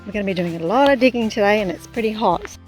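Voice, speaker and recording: A woman's voice: mid-range voice, expressive, fast talker, darkish tone, soft background music, poor audio. A woman with an Australian accent, hosting a farm vlog in casual narration and chat. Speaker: host of an off-grid farm vlog. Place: outdoors on a rural property.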